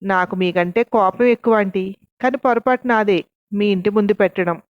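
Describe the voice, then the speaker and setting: A woman's voice: medium pitch, moderate pace, no room sound, muffled recording, lightly acted. A woman narrator voicing a proud young man who argues while holding his temper. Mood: restrained irritation. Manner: restrained, arguing.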